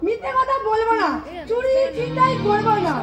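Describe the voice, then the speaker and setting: Extremely high voice, woman acting humble reformed street seller, earnest declaiming, stage melodrama, echoey, loud music. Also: normal speed, over a noisy crowd. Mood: resolute, tearful.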